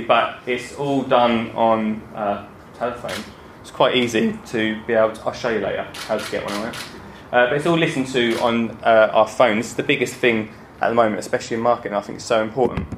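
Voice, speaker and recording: Male speaker, Essex accent, mid-pitched, informal and jokey stage presenter, roomy sound with some background noise. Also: fairly quick, fairly bright tone. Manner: chatty, joking, self-deprecating. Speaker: gardening podcaster and speaker. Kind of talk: informal stage talk to an audience. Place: indoor talk before an audience, roomy space.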